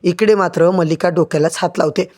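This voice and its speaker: A man with a notably high voice tells a dramatic TV soap opera recap. He talks straight to the viewers and builds up each twist with emphasis. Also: steady tone, a little fast, darkish tone. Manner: dramatic, addresses viewers directly. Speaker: narrator. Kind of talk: serial recap narration.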